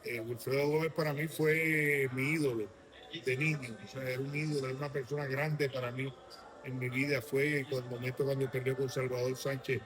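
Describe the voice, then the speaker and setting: A middle-aged man with a Puerto Rican Spanish accent, answering interview questions in a halting way with many restarts. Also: medium pitch, flat delivery, fairly bright tone, soft background music. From Puerto Rico. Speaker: guest.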